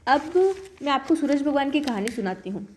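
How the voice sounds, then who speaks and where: A woman's voice: high voice, lively intonation, moderate pace, a little mellow, a little hiss or hum. A woman, narrating devotional folk tales in a plain, homely storytelling tone.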